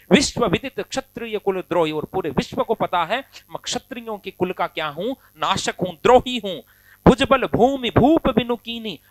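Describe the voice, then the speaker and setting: A man teaching a poetry lesson, chanting verses slowly and then explaining them in lively, chatty asides. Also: high voice, dry recording.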